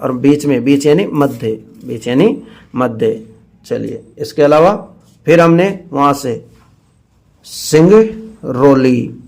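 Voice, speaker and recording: A male teacher, giving a mnemonic lesson and asking students questions, then slowly drawing out the answers himself. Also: on the high side. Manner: call-and-response questioning, drawn-out repeated answers.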